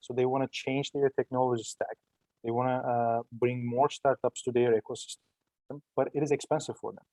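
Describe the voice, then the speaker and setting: A man with a Turkish accent answers interview questions in an explanatory way, often repeating and rewording. His tone is dark and relaxed at a middle pitch. The sound is very dry. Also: normal speed, no room sound, rough recording. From Turkey. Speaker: startup entrepreneur being interviewed.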